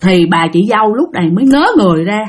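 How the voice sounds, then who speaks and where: A woman with a Southern Vietnamese accent telling a spirit story in a chatty, animated way, addressing her listeners. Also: medium pitch, fast. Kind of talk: casual spoken ghost story.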